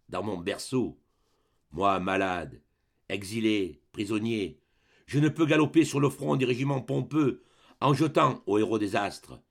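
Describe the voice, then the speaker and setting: A man reading the part of a sad, sickly young exiled prince, lower and softer, brooding through verse in a dramatic reading of a play. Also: gravelly.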